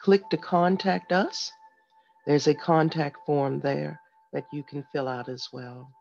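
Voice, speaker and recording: Speaking slowly in a fairly high, creaky voice with a darkish tone and steady delivery, a male morning wellness host guides listeners through meditation and motivation with short, direct instructions. Music plays behind the dull, lo-fi recording.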